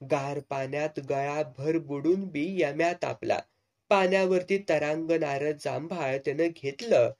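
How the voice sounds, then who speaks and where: A male narrator reads a serialized novel aloud in a somewhat high voice. His telling is vivid, full of earthy village idiom. The pace is steady, as in a storybook reading.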